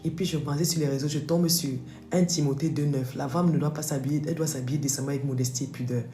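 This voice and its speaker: Low-voiced woman giving a testimony. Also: fast talker. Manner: animated storytelling, acting out dialogue. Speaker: testimony speaker. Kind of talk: religious testimony. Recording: echoey room with faint music.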